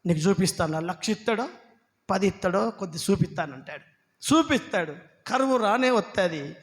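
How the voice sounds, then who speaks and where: A man's voice: high voice, expressive, a little fast. A man preaching an impassioned church sermon as pastor, calling out to the congregation. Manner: impassioned preaching, calls out hallelujah. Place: church hall. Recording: long church hall reverb.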